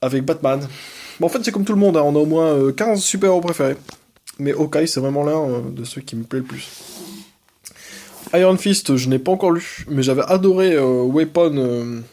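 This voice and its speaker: A man's voice: fairly high pitch, normal speed, warm tone. A young man casually reviewing his comics collection, enthusiastic, with frequent hesitations and fillers.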